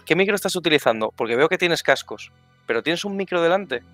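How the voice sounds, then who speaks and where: A man's voice: on the high side, animated, fast, fairly bright tone, soft background music. A man, a tabletop game player giving effusive feedback in casual chat, repeating words for emphasis.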